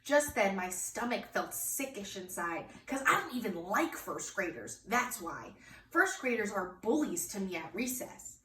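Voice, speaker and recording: Very animated and measured in pace, this medium-pitched female storyteller pushes her bright voice as she narrates a picture book with strong emphasis, speaking straight to children. Faint noise and echo come from a distant microphone in the room.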